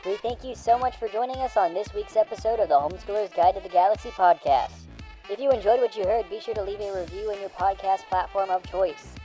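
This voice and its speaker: A woman's voice: mid-range voice, fast, dark tone, soft background music, close to an everyday voice, rough recording. A woman reading a scripted show outro as a spaceship captain making a formal announcement to passengers.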